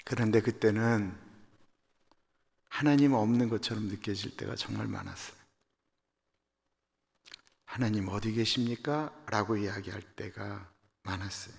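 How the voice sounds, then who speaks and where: A Korean-born man in his fifties, a pastor giving a personal testimony sermon at a dawn service, moving from quiet confession to loud emphatic proclamation. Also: on the low side, animated, normal speed, vocal fry. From South Korea. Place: church sanctuary. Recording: long church-hall reverb.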